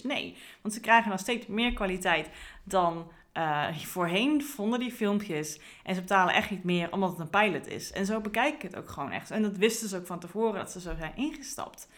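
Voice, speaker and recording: A woman, a career coach, talking earnestly in a reflective podcast monologue with frequent fillers and restarts. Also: mid-range voice.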